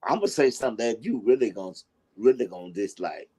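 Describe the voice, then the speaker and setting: A man's voice: fairly low pitch, expressive, fast talker, dark tone, slightly rough. A man co-hosting a talk show, giving opinions in an emphatic, joking way. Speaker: co-host. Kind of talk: casual opinionated chat.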